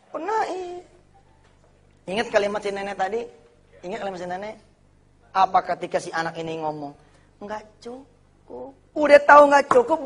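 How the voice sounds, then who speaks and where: A man in his forties preaching a lively sermon to a live audience in casual speech, joking and acting out quotes. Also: high voice. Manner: animated, jokey, mixes in slang and acted quotes.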